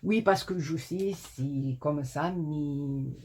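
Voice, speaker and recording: Woman crafting host, unhurried, a little husky, rambling and self-joking, camera on a tripod at a small desk. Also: sits low, warm tone. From southern France. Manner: rambling, self-mocking, many fillers. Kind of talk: chatty card-making tutorial. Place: small home desk workspace.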